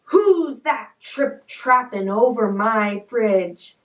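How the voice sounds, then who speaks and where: A woman voicing a mean, hungry male troll who speaks gruffly and demands in a children's story. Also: a little high, expressive, very slow, roomy sound, far from the mic, poor audio.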